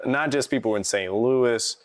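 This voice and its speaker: A man's voice: medium pitch, unhurried. A man hosting a podcast, chatting casually and in a friendly way with his guest. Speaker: podcast host.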